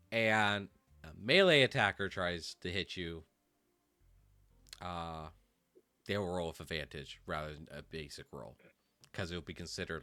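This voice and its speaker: A man runs a tabletop game in a loose, halting way, full of fillers. His voice is fairly low but bright and forward. Soft music plays behind him. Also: no room sound. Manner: casual, halting, with many fillers. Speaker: game master.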